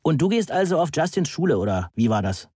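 A man reading an audiobook, voicing a brash young man who talks loudly and heartily. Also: fairly high pitch, big pitch swings, quick pace, slightly rough, no echo, studio quality, pitched above the performer's own voice. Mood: hearty. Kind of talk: audiobook character voice.

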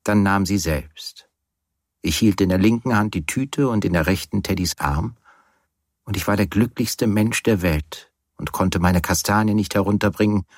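Low, husky-voiced man reading a novel. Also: dry recording. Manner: calm, measured storytelling. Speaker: reader. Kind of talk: literary reading on radio. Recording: dry studio.

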